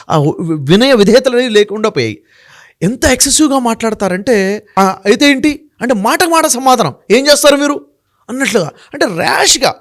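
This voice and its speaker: A man speaking as an interview guest, making emphatic points one by one and putting rhetorical questions to the host. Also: high-pitched. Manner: emphatic, works through numbered points. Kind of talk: explaining in a sit-down interview.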